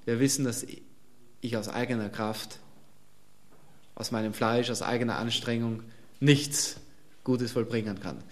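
A man's voice: medium pitch, fairly even intonation, unhurried, pauses often. A man preaching a sermon, speaking emphatically and pressing his listeners with repeated rhetorical questions.

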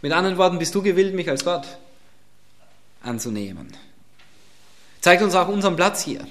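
A man preaching a sermon in a fairly high voice. He drives each point home with repeated phrases, then drops to a hush before rising to loud emphatic lines again. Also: big pitch swings, normal speed. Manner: swings from emphatic loud lines to hushed near-whispers.

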